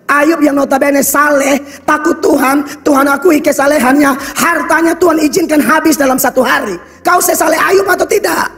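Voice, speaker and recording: A pastor with a Kupang accent, preaching a blunt, scolding sermon full of local slang. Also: male voice, very high voice, steady tone, normal speed, hardly any pauses, fairly bright tone. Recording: reverberant hall with faint music.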